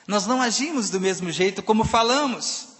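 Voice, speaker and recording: A man preaching a sermon in a church, emphatic, swinging between loud and soft passages. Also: sits high, lively intonation, a little fast. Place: church sanctuary. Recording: long reverb of a church hall.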